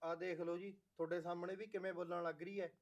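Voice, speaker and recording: A man's voice: high voice, flat delivery, fast, lightly acted. An actor playing a complaining young husband who accuses his wife. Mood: accusing. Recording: dull lo-fi sound.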